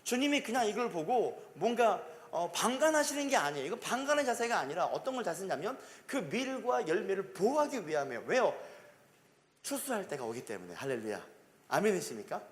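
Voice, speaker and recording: Male pastor, emphatic call-and-response sermon; high, animated voice in a reverberant sanctuary. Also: fairly quick. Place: church sanctuary. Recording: long reverb of a church hall.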